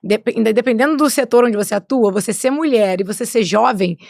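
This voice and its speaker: A woman's voice: a little high, brisk, creaky, darkish tone, dry recording, clean studio sound. A woman, chatting as a guest on a podcast, tagging her sentences with "né?". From Rio de Janeiro state, Brazil. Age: 20s. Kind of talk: casual podcast conversation.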